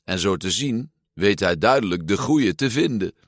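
A man's voice: lowish voice, expressive, moderate pace, dry recording, studio quality. Een man die een wijze, ontspannen oma voorleest in een verhalenboek. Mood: wise. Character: wise, easygoing grandmother.

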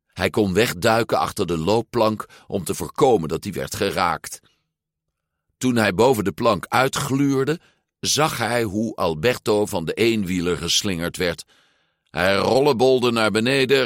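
A man reading a storybook aloud as narrator, expressive and unhurried. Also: on the low side, dry recording, studio quality.

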